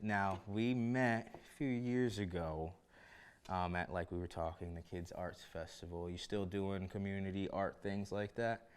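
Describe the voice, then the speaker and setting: Easygoing male interview host from Harlem, lowish voice, casual and chatty. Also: fairly even intonation, unhurried, slight background noise. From New York City (Harlem). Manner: easygoing, many "you know" fillers. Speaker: podcast host.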